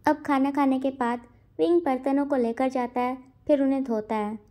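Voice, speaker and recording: A woman narrating a fanfiction story in a plain, steady retelling style. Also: high voice, moderate pace.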